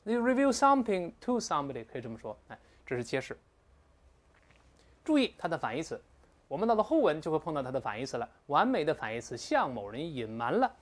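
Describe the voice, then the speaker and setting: Animated male English teacher. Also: on the high side. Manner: animated, drawn-out pronunciation drills, frequent "哎" interjections. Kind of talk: vocabulary lesson lecture.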